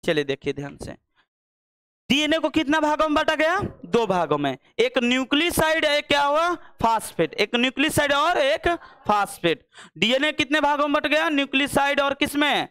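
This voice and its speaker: A man's voice: extremely high pitch, a little fast, pushed and bright, no room sound, clean studio sound. A young man teaching a biology lesson, asking questions and repeating the answers again and again. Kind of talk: classroom-style biology lesson.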